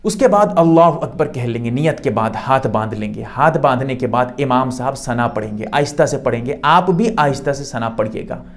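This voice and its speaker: A man's voice: medium pitch, animated, few pauses. A male Islamic scholar explaining prayer steps patiently, step by step, often asking and answering his own questions. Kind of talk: religious instruction.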